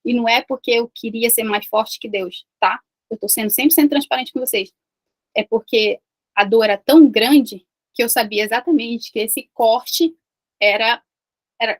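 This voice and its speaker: A Brazilian woman in her thirties tells a live online group about a deeply emotional spiritual experience. She speaks in a confiding, repetitive way and sometimes breaks off to manage the call. Her voice sits fairly high for a woman. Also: fairly even intonation, moderate pace. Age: 30s. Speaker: online community host. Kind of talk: personal testimony to a live group.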